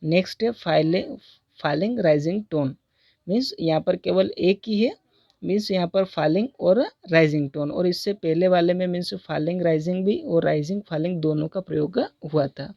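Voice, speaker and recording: A man teaching a recorded lesson on English intonation in Hindi. He has an Indian English accent and reads the English example sentences slowly and deliberately. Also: sits high, vocal fry, mellow, no room sound, dull audio.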